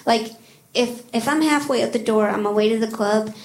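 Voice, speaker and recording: Rambling stand-up comedienne in echoey club. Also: female voice, fairly high pitch. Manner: rambling, self-deprecating, halting restarts. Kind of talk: stand-up set with crowd work. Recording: echoey club with loud crowd laughter. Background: audience laughter.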